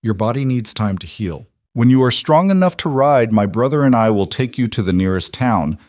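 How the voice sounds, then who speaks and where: A man voicing a calm man of about forty who tends a wounded stranger, speaking quietly with a foreign accent. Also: mid-range voice, no echo, clean studio sound, lightly acted. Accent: foreign accent in English. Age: 40s. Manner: quiet, measured, steady.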